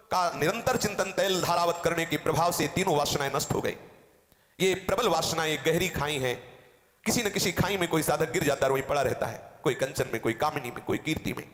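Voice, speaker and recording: A man's voice: high-pitched, a bit bright. A man as a spiritual teacher giving a devotional discourse, telling a sage's story in the first person and quoting verses. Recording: roomy hall with long reverb.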